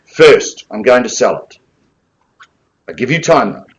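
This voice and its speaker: A man's voice: mid-range voice, sing-song, measured pace. A man working as an auctioneer at a live property auction, repeating bid figures and coaxing bidders along.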